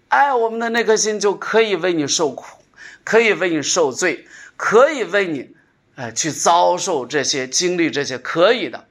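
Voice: medium pitch, a bit bright. Earnest preacher repeating phrases. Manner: repeats phrases for emphasis, calls for responses; earnest, conversational preaching with rhetorical questions. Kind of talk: sermon to a congregation.

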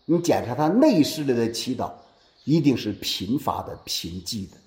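A man preaches in a church, and his voice rises and falls with plenty of expression as he puts questions to his listeners. The sound rings around an echoey room. He reads scripture aloud and then explains it in a warm sermon cadence. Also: fairly low pitch. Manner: lively preaching with rhetorical questions.

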